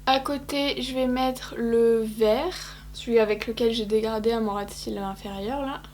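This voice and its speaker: A woman's voice: a little high, fairly even intonation, normal speed, a little mellow, a little hiss or hum. A young woman talking viewers through her eye makeup in a casual, chatty way, poking fun at herself. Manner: chatty, self-mocking, addresses viewers directly. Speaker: beauty vlogger. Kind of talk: casual makeup tutorial talk.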